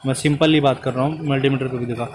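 Racing through his explanation in a steady, medium-pitched tone, a young car mechanic demonstrates an engine repair step by step. It's a hands-on tutorial filmed close on a phone, inside the car and at the open engine bay outdoors, with a little hiss or hum on the audio.

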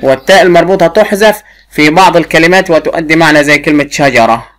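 A woman teacher with an Egyptian Arabic accent, giving a first-grade lesson and drilling a pupil with repeated questions while drawing words out slowly. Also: low-pitched. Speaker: primary school teacher.

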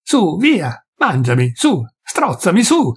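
A man voicing a desperate poor peasant who rages and pleads, his husky voice pushed high. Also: sing-song, moderate pace. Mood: furious. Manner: shouting, raw and pleading.

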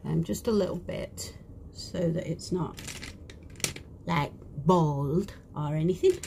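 A woman with a broad British accent chatting casually during a live makeup stream, often slipping into soft whispered asides while she works, in a small cruise cabin. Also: low voice, takes it slowly, gravelly, noisy background. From United Kingdom. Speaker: beauty vlogger.

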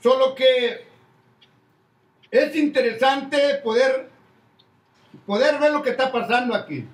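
A man's voice: very high-pitched, slow. An older man, a pastor, preaching a sermon and calling his listeners "brother" along the way. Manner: preaching with many "hermano" asides. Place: church hall with crowd, indoors. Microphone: stand mic at pulpit. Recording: echoey room, distant from mic.

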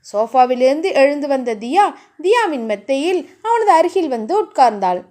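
Expressive, high-voiced woman narrator. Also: normal speed. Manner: expressive and animated. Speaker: audiobook narrator. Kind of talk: romance novel narration.

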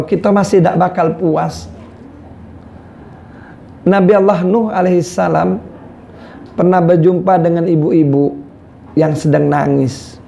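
A man with a Palembang Malay accent preaching a sermon, swinging from loud calls to low, quiet lines. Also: vocal fry, lo-fi sound.

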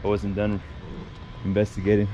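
With street noise and cars passing, a vlogger in his thirties talks casually on a city walking tour, easily impressed as he holds an action camera at arm's length to film himself. He speaks at normal speed in a low, dark, monotone voice.

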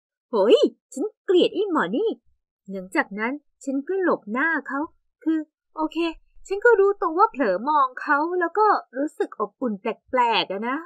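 A young woman narrating an animated story in the first person with lively, exaggerated storytelling. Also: high-pitched, no echo.

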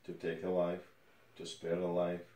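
A man's voice: low-pitched, completely flat delivery, measured pace, dark tone, far from the mic. A man performing a dramatic scene as a stern, contemptuous rescuer interrogating someone. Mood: solemn. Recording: echoey room, off microphone.

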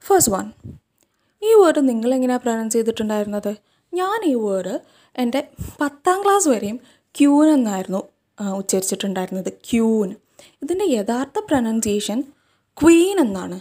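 A woman's voice: on the high side, animated, brisk, mellow. A young woman with a Malayali accent, a native Malayalam speaker, hosting a casual English pronunciation lesson and asking the viewer questions. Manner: chatty, asks the viewer questions. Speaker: English teacher, channel host.

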